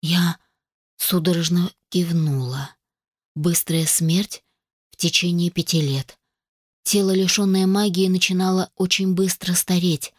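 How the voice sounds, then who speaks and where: Woman narrating in a low, dry voice. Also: fairly even intonation, a little slow, dry recording. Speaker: audiobook narrator. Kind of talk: scripted narration.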